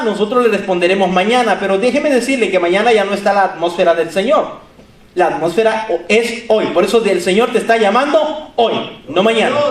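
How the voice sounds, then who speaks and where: A man's voice: high-pitched, roomy sound. A man preaching a sermon, emphatic and repetitive, speaking straight to his listeners. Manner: emphatic, repeats phrases, addresses listeners directly.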